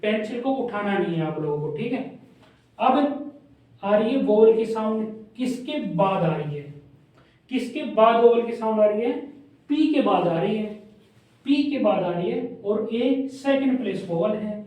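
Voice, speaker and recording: A man with a high, mellow voice runs a classroom lesson, going over each step again and again and stopping to ask if the class has followed. He stands a fair way from the mic in a very echoey room. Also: animated, unhurried, recorded from a distance. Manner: repetitive, checks understanding with questions. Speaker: shorthand teacher.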